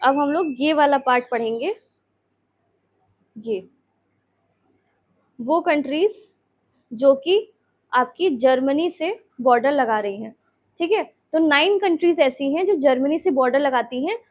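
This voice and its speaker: A woman's voice: sits high, expressive, a little slow, long pauses, dull audio. A woman teacher explaining a map lesson, repeating names and checking in with her students.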